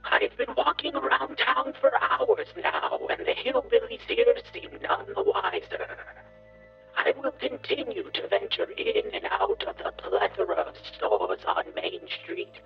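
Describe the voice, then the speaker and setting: A cruel, self-important bug mastermind narrates his schemes in a slow, pompous drawl. His voice sits high and leaps all over the place, rough with gravel and rasp. The dull, lo-fi recording gives it an old, muffled edge. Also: wildly swooping pitch, faint music behind, exaggerated voice. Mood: scheming. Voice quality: gravelly, raspy. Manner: pompous, theatrical journal narration. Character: scheming male insect villain, grandiose and cruel. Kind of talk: dark comedy audio story.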